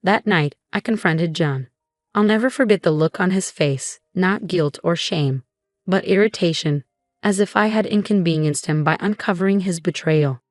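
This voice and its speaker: A woman reading a first-person story as scripted narration, in a steady, measured way. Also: on the low side, no room sound, clean studio sound, soft background music.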